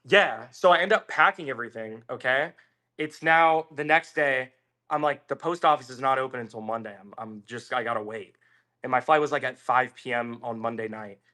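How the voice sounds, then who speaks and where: Bright, animated guy telling a story. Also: mid-range voice, normal speed. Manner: animated, swearing, acts out quoted voices. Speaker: podcast guest. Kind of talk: casual storytelling chat.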